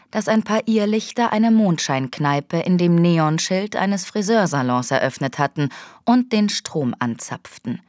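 A woman reads a children's audiobook aloud in a clear, even storytelling voice. Her voice sits on the low side for a woman, and the recording is close and dry, with no room sound. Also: no echo. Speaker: audiobook narrator. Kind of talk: scripted narration.

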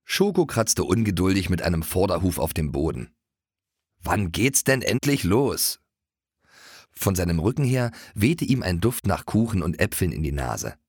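A man narrating a children's audiobook in an expressive, playful way. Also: low-pitched, moderate pace, breathy edge, no echo, clean studio sound. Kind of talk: scripted narration of a children's book.

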